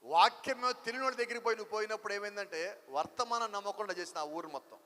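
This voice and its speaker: A man's voice: high voice, fast talker, bright, forceful tone. A man preaching a sermon, emphatic, driving his points home with repeated rhetorical questions. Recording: long hall reverb.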